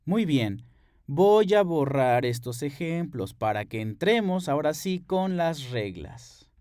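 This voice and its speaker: A man's voice: on the high side, expressive, slow pace, a little mellow, dry recording, studio quality. A man teaching an English grammar lesson at a board, patient, explaining rules step by step and checking in with his students.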